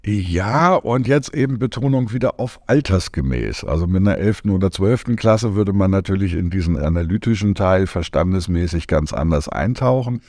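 A man's voice: sits low, expressive, moderate pace, hardly any pauses, darkish tone, no room sound, clean studio sound. A middle-aged man, a media education consultant, explaining his teaching in a podcast interview, thoughtful with many fillers. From Germany.

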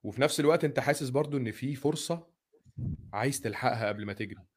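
A man speaks quickly in an Egyptian Arabic accent as a podcast host. His delivery is casual and conversational, with English words mixed into the Arabic. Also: medium pitch, slightly rough.

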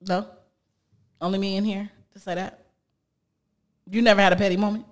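A woman hosting a casual podcast, trading sassy jabs and laughing easily before turning to relationship advice. She speaks in a mid-pitched voice. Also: flat delivery, moderate pace. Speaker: host.

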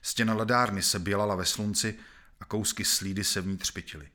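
A man narrating a novel in the first person, reading in a measured, grave manner. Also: lowish voice, fairly even intonation, bright, forceful tone.

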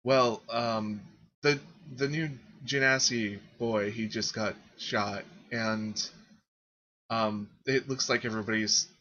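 Slow, husky-voiced man running a game. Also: on the low side, fairly even intonation, bright, forceful tone, dull audio. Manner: halting, searching for words with ums and repeats. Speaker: game master. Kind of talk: narrating a tabletop game.

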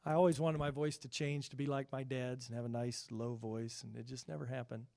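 A middle-aged man preaching a sermon in an earnest way, getting louder when he quotes scripture and quieter for asides; he has a high voice for a man. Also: little pitch movement, brisk, vocal fry. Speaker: pastor.

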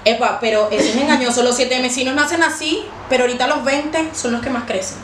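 High-voiced Venezuelan woman, crude and playful. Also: quick pace, a bit bright. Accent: Venezuelan Spanish. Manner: playful and crude, full of slang, slips into mocking character voices. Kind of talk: casual chat. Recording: echoey room with faint noise.

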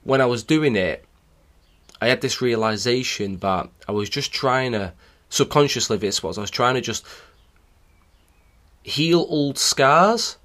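Animated man telling stories. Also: mid-range voice, a little slow, long pauses. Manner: animated storytelling, acting out remembered exchanges. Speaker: cycling coach. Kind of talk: solo podcast storytelling.

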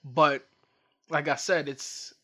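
A man's voice: a little high, steady tone, slow pace, crowd noise. A young man co-hosting a casual podcast, talking emphatically and often checking in with "you know what I mean.". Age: young adult. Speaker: podcast co-host. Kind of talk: casual chat.

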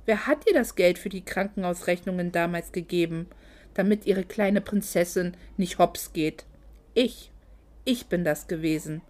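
Brief: woman reading a deep, oily, condescending male loan shark for an audiobook. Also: normal speed, darkish tone, natural voice. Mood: scornful. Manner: oily, condescending, mock-polite. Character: smug greedy male moneylender, fake-sweet.

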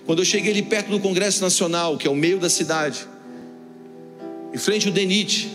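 A man preaching a sermon in Brazilian Portuguese, telling a story and acting out the dialogue in an animated way. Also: high voice, moderate pace. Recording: long hall reverb with soft music behind.

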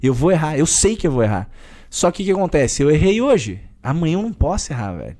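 A man's voice: on the high side, quick pace. A man in his thirties with a southern Brazilian Gaúcho accent, talking emphatically and colloquially as a podcast guest. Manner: emphatic, animated, colloquial, keeps saying "velho". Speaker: personal trainer guest. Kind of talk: casual podcast conversation.

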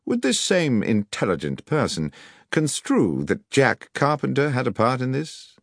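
A man voicing a shrewd, commanding gentleman detective who speaks formally and precisely, with dry irony. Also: medium pitch, huge pitch swings, a little slow, dry recording, voice pushed up, heavily acted. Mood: dryly ironic. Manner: precise, formal, dryly ironic questioning.

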